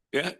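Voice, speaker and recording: A man coaching a sales team, casual and slangy, acting out short example greetings. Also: bright, forceful tone. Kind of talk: coaching session.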